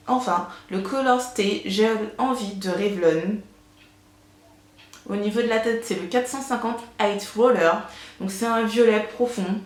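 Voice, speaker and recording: A woman presenting a casual beauty haul, chatty and enthusiastic, with many fillers, recorded on a camera mic at home. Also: mid-range voice. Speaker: beauty vlogger. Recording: echoey room.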